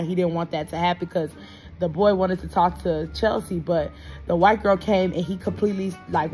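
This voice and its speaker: In a bedroom-sized hotel room, a Houston vlogger in her twenties holds her phone close and tells a slangy, gossipy story in a casual storytime chat to camera. Her voice sits on the low side and is a little mellow.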